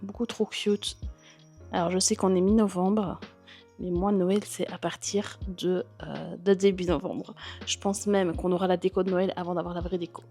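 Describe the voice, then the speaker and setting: A woman's voice: on the low side, little pitch movement, moderate pace, warm tone, soft background music. Chatty Belgian woman vlogging at home. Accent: Belgian French. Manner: chatty, frequent fillers and restarts, laughs. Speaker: vlogger and bodybuilding coach. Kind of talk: casual chat answering viewer questions. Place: apartment.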